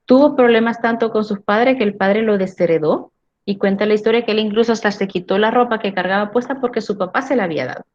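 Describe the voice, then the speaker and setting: A woman's voice: medium pitch, fast, a little mellow. A woman teaching a philosophy class. She often checks in with tag questions and repeats words while she gathers her thoughts. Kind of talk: class lecture. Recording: dull lo-fi recording.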